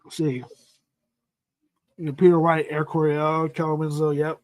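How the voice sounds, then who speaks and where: A man's voice: on the high side, level tone, moderate pace, darkish tone, dry recording. Rambling fifties man on a dry mic. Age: 50s. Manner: rambling, repeats "freaking", trails off mid-sentence. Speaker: livestream host. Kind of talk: casual sports chat.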